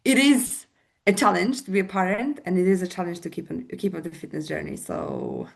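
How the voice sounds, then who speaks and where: A woman's voice: lowish voice, sing-song, brisk, creaky. Polish-accented woman, earnest and hesitant. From Poland. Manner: hesitant, many fillers and restarts, earnest. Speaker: guest, fitness coach. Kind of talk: interview.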